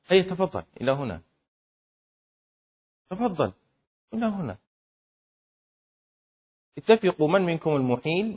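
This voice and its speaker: Lively husky-voiced male sheikh teaching. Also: a little high. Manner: questions students often, stretches key words for emphasis. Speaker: sheikh teaching Shafi'i law. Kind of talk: interactive classroom lesson. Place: classroom with students.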